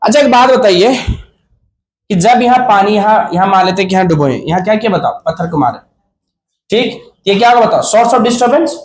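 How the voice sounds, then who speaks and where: A man's voice: high-pitched, animated, a little fast. A man teaching a physics class, asking the students questions, answering them himself and joking with them. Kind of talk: classroom lecture. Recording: echoey classroom with student crowd.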